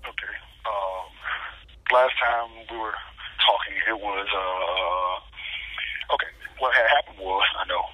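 A man's voice: lowish voice, slow pace, pauses often, pushed and bright, a little hiss or hum. A man telling his story over a phone call from prison, guarded and hesitant with many ums. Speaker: guest speaking by phone from prison. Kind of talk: casual storytelling.

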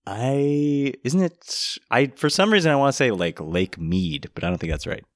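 A young man hosting a casual trivia podcast, relaxed and quick to laugh. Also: medium pitch, no room sound, clean studio sound. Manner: laid-back, laughs a lot. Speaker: host.

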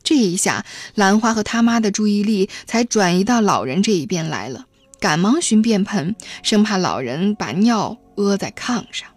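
A woman narrating a novel aloud in a steady storytelling manner. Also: medium pitch, normal speed, breathy edge, no room sound. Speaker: audiobook reader.

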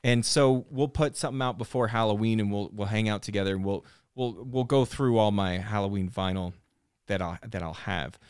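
A man hosting a podcast in a studio, chatting casually, relaxed and rambling with lots of fillers and restarts. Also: fairly low pitch, fairly quick, smooth, no room sound. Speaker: podcast host. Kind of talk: casual chat.

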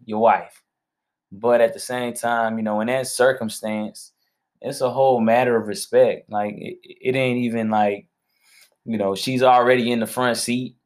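A man co-hosting a marriage podcast with his wife, talking in a relaxed, slangy, upbeat way. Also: mid-range voice, moderate pace. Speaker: podcast co-host. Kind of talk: casual chat.

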